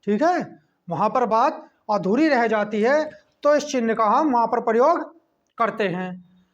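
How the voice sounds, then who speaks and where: A man teaching a class lesson, checking in with a quick "okay" between points as he explains. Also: very high-pitched, animated. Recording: dull lo-fi recording.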